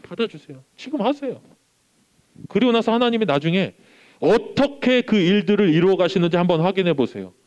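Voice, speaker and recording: A young man preaching a youth service sermon, with a voice that sits a little high and leaps up and down as he tells his story. He acts out the people in it with animated energy. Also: fairly quick, highs cut off. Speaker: pastor.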